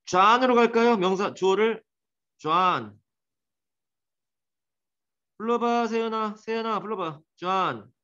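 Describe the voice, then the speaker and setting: A man's voice: high voice, slow pace, pauses often, sharp tone, smooth, dull audio. A man teaching an English grammar class, quizzing and teasing his students by name as he goes.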